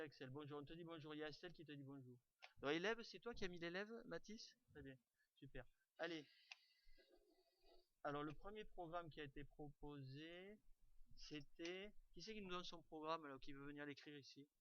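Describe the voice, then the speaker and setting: A man's voice: fairly high pitch, brisk, fairly bright tone, muffled recording, slight background noise. A man teaching an online class, talking informally with lots of fillers and restarts over a computer mic. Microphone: computer mic on a video call.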